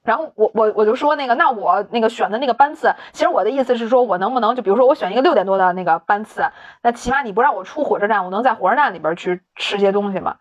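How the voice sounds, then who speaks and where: A woman's voice: on the high side, racing, hardly any pauses, lo-fi sound. A woman telling a story in casual chat, laughing often, swearing casually and acting out the dialogue. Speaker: podcast co-host.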